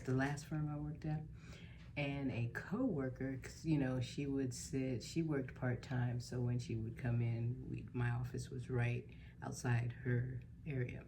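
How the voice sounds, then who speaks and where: A middle-aged woman, a mukbang vlogger, tells a story in a casual, chatty vlog style, acting out what people said and turning animated when quoting them. Her voice is rumbling low, against a noisy background.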